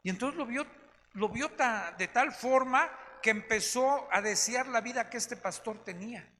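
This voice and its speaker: A man's voice: extremely high pitch, normal speed, pushed and bright. A man, a pastor teaching a Bible study in a chatty way that keeps checking in with his listeners. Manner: chatty, tags lines with "¿no?" and "¿sí?". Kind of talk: conversational Bible study preaching. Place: church meeting hall. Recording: echoey hall with faint noise.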